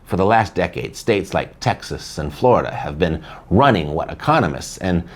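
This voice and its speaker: A man's voice: low voice, animated, moderate pace. A man hosting a scripted video essay, narrating in a sardonic, dramatic and emphatic manner. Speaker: host.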